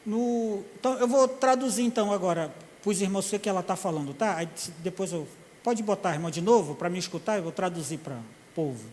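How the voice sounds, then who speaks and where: A man's voice: high voice, fast talker, darkish tone, slight background noise. A man preaching a sermon, telling a story in a chatty, humorous way. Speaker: pastor. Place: church hall. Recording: long hall reverb in a church.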